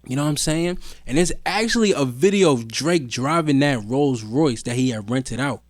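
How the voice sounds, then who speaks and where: A man's voice: medium pitch, normal speed, no echo. Young man telling a story, dry sound. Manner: animated storytelling, loose slang. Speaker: podcast co-host. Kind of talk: casual chat.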